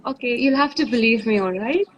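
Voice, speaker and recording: A woman's voice: on the high side, animated, fairly quick, muffled recording. A woman, an aviation trainer chatting as a guest on a live stream, often laughing as she tells stories. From India. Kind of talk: casual live-stream chat.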